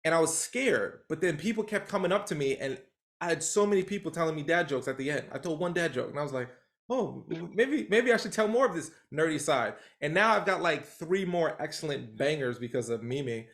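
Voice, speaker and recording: Speaking a little high and fairly quickly, a male coach runs a training call over video in an animated, rambling style packed with fillers.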